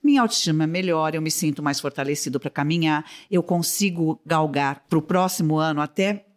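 A woman's voice: low voice, brisk. A woman speaking as a guest psychologist in an interview, explaining patiently and often checking in with short tag questions.

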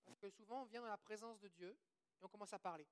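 A woman's voice: mid-range voice, steady tone, fast talker. A woman with a Québécois French accent preaching a sermon, quoting scripture, asking the audience questions and leading prayers. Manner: earnest, asks the audience questions, quotes scripture.

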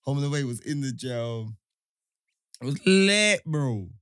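London roadman guy chatting on a pod, loads of slang and innit type tags, mid pitch, dry sound. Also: lively intonation, unhurried, a bit bright, smooth, dry recording. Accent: London, urban roadman street slang. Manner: heavy street slang with repeated tag questions. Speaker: podcast host. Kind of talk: casual chat, storytelling banter.

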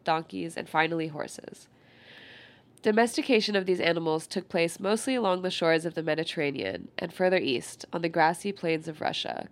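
A woman reads an old textbook aloud in a soft, unhurried voice, stopping now and then to comment. Her nose is stuffy, and her voice sits fairly low with a gravelly fry. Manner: quiet, unhurried, pausing to comment on the text. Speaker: reader.

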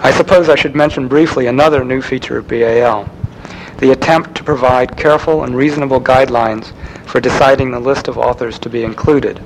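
Man, lecturer, measured read-aloud delivery, middle pitch, faint rumble behind. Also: fairly even intonation, low-quality recording. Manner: measured, reads aloud with occasional restarts. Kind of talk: reading a prepared lecture.

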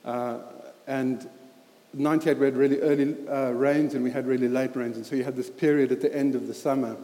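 A lay preacher in his thirties, South African-accented, gives a sermon with a personal story in a church hall. His mellow, mid-pitched voice keeps a fairly even intonation, while his earnest delivery halts with many fillers and restarts. Long hall reverb makes the sound roomy.

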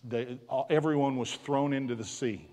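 A man preaching in a large school hall, his voice trailing off in long reverb. He tells a story dramatically and sometimes sinks to a hush. His pitch sits in an ordinary middle range. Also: normal speed. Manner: dramatic storytelling, dropping to a hushed voice at key moments. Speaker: guest speaker at a school. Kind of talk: storytelling sermon.

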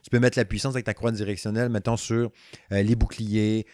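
A young man with a Quebec French accent talking casually about a video game he reviews, excitable and rambling, full of slang and restarts. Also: lowish voice, brisk, dry recording, studio quality. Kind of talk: casual gaming chat.

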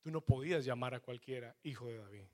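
A blind man preaching a sermon, swinging between loud shouts and low murmurs and dropping into English asides. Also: quick pace.

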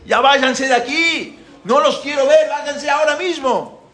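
A man voicing a panicked Egyptian king who shouts high and shrill, heard in an echoey room. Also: rapid-fire. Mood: frantic. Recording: echoey room, faint background noise.

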